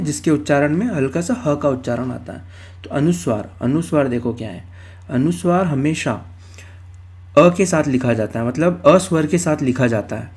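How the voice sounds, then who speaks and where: A man's voice: on the high side, darkish tone. A male Hindi grammar teacher giving an exam-prep lecture, explaining step by step, repeating key terms and asking and answering his own questions.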